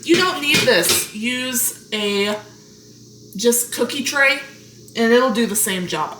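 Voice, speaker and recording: A woman with a slightly high voice chats her way through a home baking tutorial, relaxed and talking while she works the dough. She is recorded in an echoey kitchen. Clear background noise runs under her voice. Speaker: home baker showing a recipe. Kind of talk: casual cooking tutorial.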